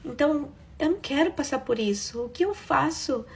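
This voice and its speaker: A woman's voice: high voice, normal speed, vocal fry. A young Brazilian woman telling a personal story in a casual, emotional confessional way, acting out what others said. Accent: Brazilian Portuguese. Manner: emotional, conversational, quotes others with lively shifts.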